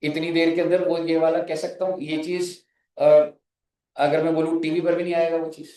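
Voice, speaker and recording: A man's voice: on the high side, flat delivery, normal speed, a little mellow. A man with an Indian accent lecturing a class, mixing Hindi and English and joking with students. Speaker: teacher. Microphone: phone. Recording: echoey classroom from far off.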